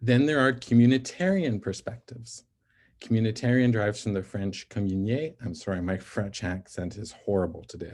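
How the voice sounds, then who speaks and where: Low, mellow-voiced man giving a lecture. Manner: explanatory, often checks in with "right?". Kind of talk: recorded ethics lecture. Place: NICU physician.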